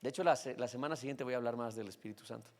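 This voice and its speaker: A man's voice: mid-range voice, racing, a little mellow. A male pastor with a Mexican Spanish accent, preaching a sermon in a conversational way and often checking in with his listeners.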